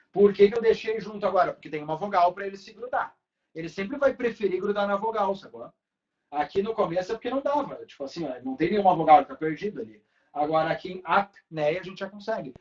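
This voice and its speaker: A man, teaching a Portuguese class in a casual way and checking in with students often. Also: sits high. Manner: casual, talks to students with frequent tag questions. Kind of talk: online class lecture. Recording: dull lo-fi recording.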